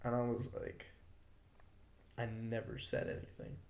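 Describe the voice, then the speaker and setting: A man's voice: mid-range voice, animated, measured pace, creaky, a little mellow. Young man telling a story in a roomy room. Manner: swears freely, loose and heated, heavy on "like" fillers. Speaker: podcast co-host. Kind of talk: casual storytelling chat. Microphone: podcast mic. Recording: roomy echo.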